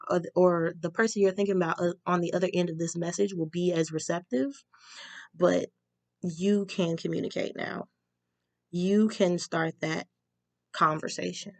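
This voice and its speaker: A young woman giving a casual tarot reading, talking frankly and slowing down to stress her advice. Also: lowish voice, no room sound. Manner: candid, advice-giving, slows down for emphasis. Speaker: tarot reader.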